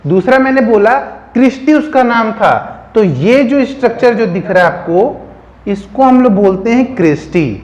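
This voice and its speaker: A man's voice: high voice, animated, moderate pace, a little mellow, echoey room, highs cut off. A man teaching biology, telling a story as a memory trick and often asking questions that he answers himself. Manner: asks the listener questions and answers them himself; keeps checking in with "theek hai". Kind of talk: storytelling mnemonic lesson.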